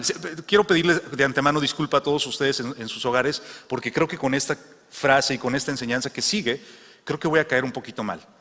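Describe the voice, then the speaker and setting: A man's voice: medium pitch, sharp tone. A man preaching a sermon. He tells stories and repeats his key phrases for emphasis. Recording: long hall reverb.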